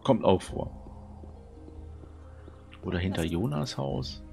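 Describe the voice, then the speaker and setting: A man's voice: low voice, animated, takes it slowly, gravelly, a little mellow, faint music behind. A man giving casual let's play commentary, muttering to himself while searching aloud.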